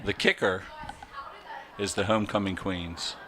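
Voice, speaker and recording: A man doing color commentary for a football broadcast, out of breath and chatty with halting restarts. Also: low voice, steady tone, crowd noise.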